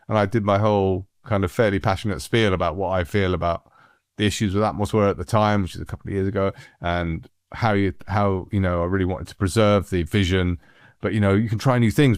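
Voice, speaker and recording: A middle-aged man from England, a music producer, telling anecdotes in a relaxed, animated way with frequent laughs. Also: fairly low pitch, no room sound, studio quality. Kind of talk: relaxed storytelling.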